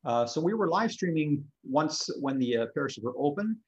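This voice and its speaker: A middle-aged man, a parish priest, talking in a casual interview, pausing often with uh. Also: fairly high pitch, lively intonation, muffled recording. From Scotland, raised in Canada. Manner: hesitant, many uh fillers.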